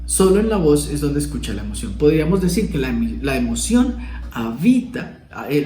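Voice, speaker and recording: Mellow-voiced man explaining to camera. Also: a little high, echoey room, rough recording. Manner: demonstrative, acting out emotional tones of voice. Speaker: video host teaching communication. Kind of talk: casual explanatory talk to camera.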